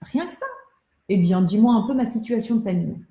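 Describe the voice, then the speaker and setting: Woman as gruff doubting captain, brusque, storybook, echoey room. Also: mid-range voice, fast, mellow, lightly acted. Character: gruff male ship captain, skeptical. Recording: roomy echo.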